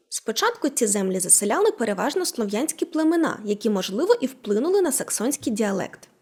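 A woman narrating a scripted language lesson, explaining with clear, careful enunciation. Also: fairly high pitch, a little mellow. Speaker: language teacher.

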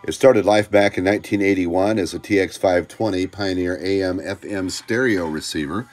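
An American hobbyist hosts an informal, hands-on electronics tutorial from his home workbench indoors. His low voice is a little mellow and his speed normal, and he walks through each step in a plain-spoken, folksy way.

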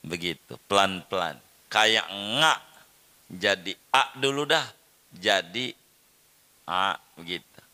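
A man's voice: low voice, takes it slowly, pauses often, bright, forceful tone. A middle-aged man teaching a religious study lecture, repeating words and drilling Arabic pronunciation for his listeners. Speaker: Islamic teacher.

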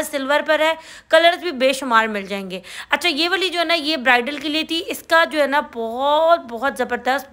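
A woman with a Karachi Urdu accent narrates a market shopping tour, her voice high-pitched and bright. She talks in a chatty, eager way, reeling off prices as she goes. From Pakistan. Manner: chatty, enthusiastic, listing prices. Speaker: shopping vlogger.

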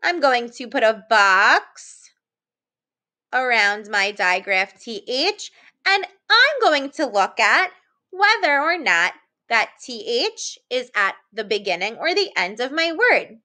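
A woman with a fairly high voice leads young children through an early-reading lesson. She speaks slowly and encouragingly, letting out playful, excited gasps.

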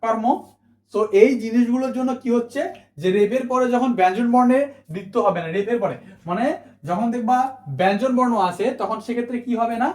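A teacher works through spelling rules for exam students, repeating each point and answering their own questions. The voice sits at a middling pitch and rings in an echoey room. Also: fast, a little mellow. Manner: mixes English words into the talk. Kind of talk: admission exam spelling lesson.

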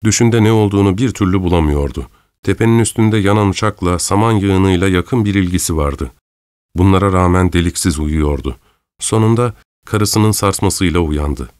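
A man reading an audiobook aloud in measured, dramatic scripted narration. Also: low-pitched, a little mellow, no echo. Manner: measured, dramatic storytelling, voicing characters' lines lightly.

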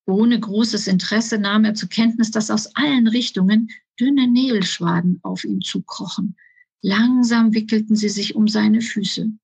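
A woman author reading her children's book aloud in a calm, even storytelling voice. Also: medium pitch, measured pace, vocal fry, slightly rough, no echo.

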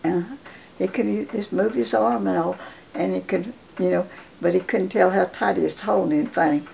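Very creaky woman in her nineties, Appalachian accent. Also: lowish voice, a little mellow, poor audio. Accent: Southern Appalachian. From Appalachia, southern United States. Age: 90s. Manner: halting, folksy storytelling with repeated words. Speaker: interviewee telling life story. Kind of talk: casual reminiscing. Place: home living room, indoors. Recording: faint background room noise.

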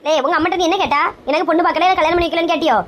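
A woman's voice: extremely high pitch, fairly even intonation, very fast, noisy background. A woman playing a brash, melodramatic middle-aged mother in a comedy skit, bossy and scolding, with a Kanyakumari Tamil accent.

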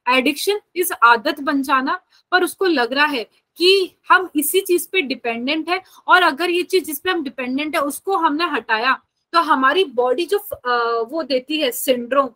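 Bright, high-voiced Indian woman teaching. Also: low-quality recording. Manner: explains in Hindi, slowly dictating English definitions word by word. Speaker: biology teacher. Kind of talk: online class lecture.

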